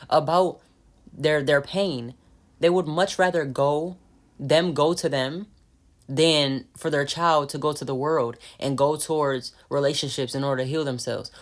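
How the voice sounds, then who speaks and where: Earnest woman giving a devotional talk. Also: low-pitched. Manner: earnest and urging, repeats phrases, with frequent restarts. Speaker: faith vlogger. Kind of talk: informal spoken devotional message.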